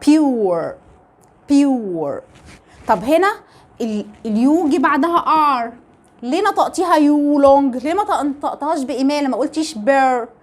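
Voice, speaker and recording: High-voiced Egyptian woman teaching pronunciation. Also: a little fast. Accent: Egyptian Arabic. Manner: explains step by step with rhetorical questions to the viewer. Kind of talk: phonetics lesson.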